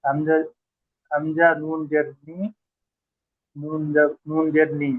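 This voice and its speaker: A man's voice: fairly high pitch, monotone, slow, dry recording. A man who is a student in an online Quran reading class, carefully reciting the letters one by one. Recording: thin phone-like call audio.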